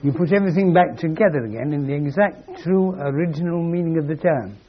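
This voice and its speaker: A man's voice: a little high, a little fast. A man giving a philosophical lecture in a wry, emphatic way, on a dull lo-fi recording. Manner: wry, emphatic, acts out quoted voices.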